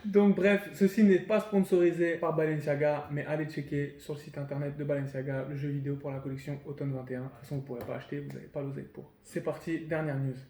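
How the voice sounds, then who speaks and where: A man's voice: a little high, little pitch movement, warm tone, echoey room. Slangy young man hosting a comic chat. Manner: joking, slangy, quick asides. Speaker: show host. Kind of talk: casual comic news chat.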